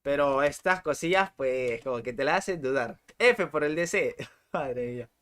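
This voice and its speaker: Chatty game streamer. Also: male voice, on the high side, lively intonation, normal speed, a bit bright, clean tone. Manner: chatty, exclamatory, repeats himself. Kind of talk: live gameplay commentary.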